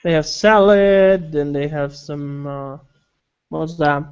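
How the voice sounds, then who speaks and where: Man, high voice, crude teasing chat, muffled lo-fi call sound. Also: slow, darkish tone, clear, resonant tone. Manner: crude, teasing, searching for words. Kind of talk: casual joking chat. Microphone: online group call microphone. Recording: dull, lo-fi call audio.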